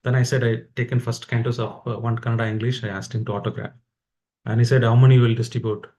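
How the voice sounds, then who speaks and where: A man's voice: mid-range voice, little pitch movement, fast, darkish tone. Indian-accented man giving an earnest devotional talk. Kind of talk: informal religious motivational talk.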